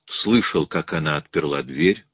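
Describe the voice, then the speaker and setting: A man narrating a story in a measured, grave reading voice. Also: extremely low pitch, animated, fairly bright tone, breathy edge, no room sound.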